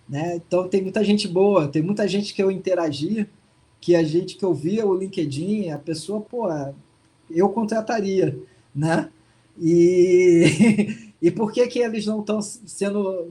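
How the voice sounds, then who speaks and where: A man with a high, warm voice is an interview guest on a video call, giving a casual testimonial. He speaks hesitantly, with many restarts and fillers.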